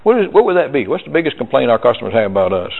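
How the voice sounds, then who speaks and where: A man's voice: mid-range voice, racing, creaky. A man giving a sales seminar, telling folksy stories and acting out what customers say. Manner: folksy, animated storytelling with acted quotes. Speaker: sales trainer. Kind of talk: live sales seminar talk. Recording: tinny lo-fi recording in a reverberant hall.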